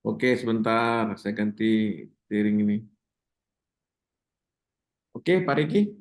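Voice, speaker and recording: A man hosting an online webinar, heard over a video call. His audio is glitchy and the pitch jumps around. He repeats himself as he checks that his connection is working. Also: lively intonation, slow. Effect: glitchy video-call audio with jumping pitch. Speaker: webinar host.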